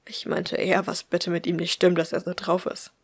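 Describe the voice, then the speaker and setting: A woman voicing a calm, gentle teenage boy who speaks quietly and tenderly, in an audiobook reading. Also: fairly low pitch, normal speed, breathy edge.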